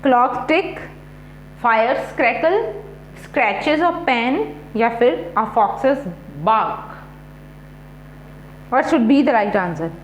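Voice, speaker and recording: A woman's voice: a little high, expressive, drawn-out words, long pauses, echoey room, muffled recording, slight background noise. A woman teacher running an exam-prep quiz, mixing Hindi and English as she reads each question, repeats the options and then gives the answer.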